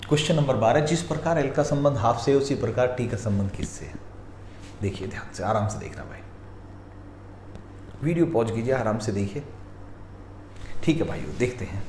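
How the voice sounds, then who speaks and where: Male teacher, dark warm tone, coaxing viewers step by step; roomy echo and faint hiss. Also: mid-range voice, animated. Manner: repeatedly urges viewers to pause and look carefully. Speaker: reasoning exam teacher. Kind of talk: explaining practice questions. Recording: echoey room, faint noise.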